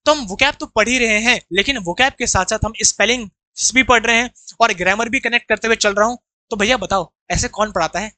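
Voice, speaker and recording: Indian man teaching vocabulary, bright voice, dry close sound, has students repeat words. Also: high-pitched, a little fast, few pauses, no echo. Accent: Indian English. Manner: explains terms, has students repeat after him. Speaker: English teacher. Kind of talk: online vocabulary lesson.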